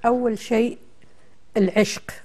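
A woman's voice: on the high side, fairly even intonation, moderate pace, darkish tone. An older woman with a Kuwaiti accent, talking as a guest in a studio interview. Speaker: interview guest, dialect historian. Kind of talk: conversational television interview. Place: television studio.

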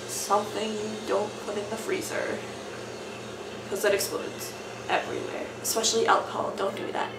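A woman's voice: mid-range voice, vocal fry. A young adult woman with a Southern Californian accent, chatting casually in a rambling, informal, sweary way. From Southern California, United States. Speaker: vlogger answering an accent challenge questionnaire. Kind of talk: casual chat. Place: small bare-walled room indoors. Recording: roomy, distant mic, noticeable background noise.

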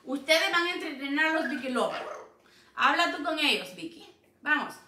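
A woman's voice: high-pitched, expressive, normal speed, pushed and bright, recorded from a distance. A woman hosting a pet vlog, talking to her parrots in coaxing baby talk at home. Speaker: pet parrot channel host. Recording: echoey room, away from mic, noisy.

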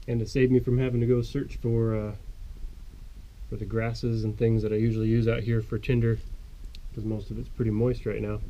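A mellow American outdoor vlogger and presenter speaks casually at medium pitch, explaining to camera what he's working on inside a small desert rock cave. The outdoor camera audio is low quality, with faint background ambience.

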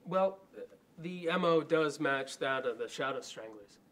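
A man's voice: a little high, lively intonation, measured pace, fairly bright tone, slight background noise. Precise crime-scene doctor in noir film, man acting. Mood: clinical. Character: fussy, hesitant male crime-scene doctor.

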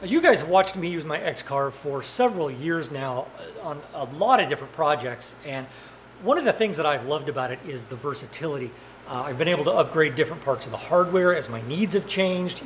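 A middle-aged man with a slightly high voice keeps up a casual, joking running commentary to himself as he builds. He is recorded on a small mic in a big arched metal workshop. A faint hum sits under his voice. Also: fairly bright tone. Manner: jokey, talks to himself while working. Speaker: maker and woodworking host. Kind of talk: casual workshop vlog talk.

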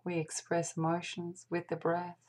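In a hushed, breathy half-whisper, a woman guides a meditation, speaking gently and deliberately with long pauses. Her voice sits lowish and her delivery is completely flat.

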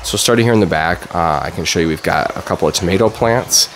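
Man, 30s, deep low voice, casual DIY vlog, chatty with fillers, faint background noise. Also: fast talker. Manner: relaxed, chatty, many uh and um fillers. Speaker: DIY channel host. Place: basement grow room under pink grow lights; garage workshop, indoors.

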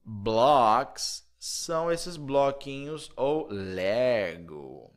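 Brazilian male English teacher, unhurried, drilling vocabulary by repetition. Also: medium pitch, lively intonation. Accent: Brazilian Portuguese, Mato Grosso. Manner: slow, repeats words over and over for drilling. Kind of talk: video English lesson for Portuguese speakers.

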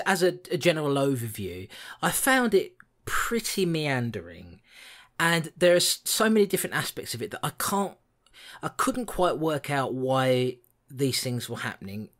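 A man's voice: medium pitch, a bit bright. A man co-hosting a podcast, chatting casually and wryly about a film in a rambling way. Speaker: podcast co-host. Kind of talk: casual film review chat.

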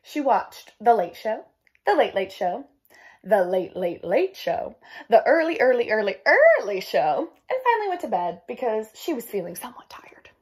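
In a small room at home, a young woman reads a children's picture book aloud, expressive and emphatic, adding chatty asides. Her voice sits on the high side, swings widely in pitch, is slightly rough and moves at a moderate pace.

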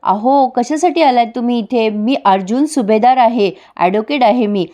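A woman's voice: on the high side, moderate pace, warm tone, highs cut off, natural voice. A woman voicing a young male lawyer who is earnest and flustered, in a serial recap. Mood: indignant. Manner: hesitant, then indignant.

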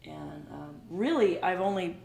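A middle-aged woman hosting a casual chat, speaking in a halting, self-deprecating way. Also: on the low side, lively intonation, creaky, a little mellow, reverberant, slight background noise. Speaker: host, singer-guitarist. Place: small wood-paneled room at home.

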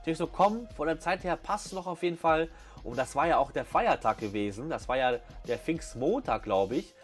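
A vlog host delivers casual, enthusiastic commentary packed with youthful slang over background music. His voice is a little high and animated, at a moderate pace.

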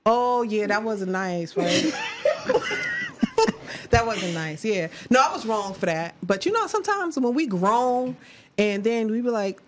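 A woman with chats on a podcast with friends, her pitch swinging up and down as she teases and laughs. There is a faint hiss of noise behind her. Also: unhurried. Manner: animated, laughing, playful teasing. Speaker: podcast co-host. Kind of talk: casual chat among friends.

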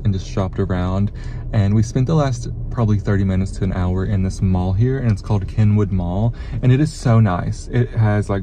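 A young man in his twenties vlogging on his phone, excitable and chatty, swearing freely and saying "like" a lot. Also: on the low side, slight background noise. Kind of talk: casual vlog talk to camera. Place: inside a car, then a hotel room, then an outdoor street. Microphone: phone camera held at arm's length.

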